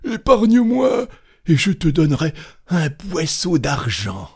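A man's voice: huge pitch swings, slow pace, creaky, husky, full character voice. A man voicing a frightened church cantor stuck in a chest, crying out and pleading. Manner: pleading, shrill cries.

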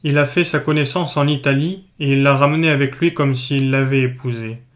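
A man's voice: medium pitch, fairly even intonation, fairly quick, natural voice. A man voicing an old, pious woman servant who answers in dry, clipped replies. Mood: confiding.

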